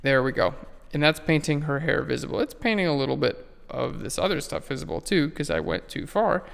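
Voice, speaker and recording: A man's voice: fairly high pitch, sing-song, fairly quick, creaky, long reverb tail. A man walking through a photo-editing tutorial in a casual, rambling way that keeps correcting itself. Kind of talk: screen-recorded software tutorial.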